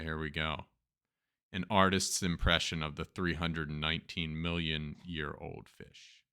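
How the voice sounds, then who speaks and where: A man with a Turkish accent hosts a program, reading the news aloud before tossing in chatty jokes. His deep voice comes across as pushed and bright, yet smooth.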